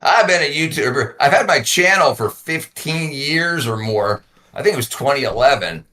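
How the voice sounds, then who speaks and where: A man's voice: fairly high pitch, animated, moderate pace, bright, forceful tone. A man in his forties, a YouTuber guest in a casual talk, who rambles and repeats words as he thinks. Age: 40s. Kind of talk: casual conversation.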